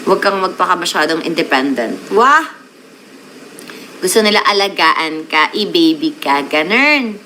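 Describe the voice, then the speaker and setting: A woman's voice: on the low side, lively intonation, normal speed, pushed and bright, a little hiss or hum, poor audio. A woman hosting a casual live stream, chatting with her viewers and mixing English words into her Tagalog.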